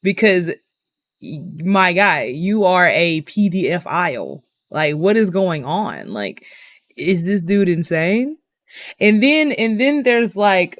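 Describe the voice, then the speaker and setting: Slow, exasperated young woman ranting. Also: on the low side, no room sound. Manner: indignant, exasperated, repeats herself with rhetorical questions; heavy use of "like" as filler. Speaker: commentary vlogger. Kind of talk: casual commentary rant.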